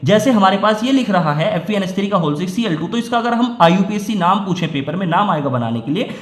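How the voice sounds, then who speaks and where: A man's voice: sits high, animated, quick pace, echoey room. A man teaching chemistry, explaining step by step and often asking and answering his own questions in a classroom lecture.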